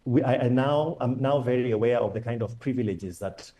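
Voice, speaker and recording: A man speaking as a panel guest, earnest and halting, often repeating and restarting his words. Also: mid-range voice, heavy background noise. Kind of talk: conversational panel talk.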